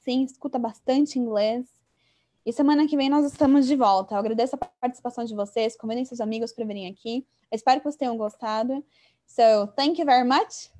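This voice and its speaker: A woman teaching English idioms in an online class, explaining them in a chatty way and often checking in with a quick tag question. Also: on the high side, dark tone, soft background music.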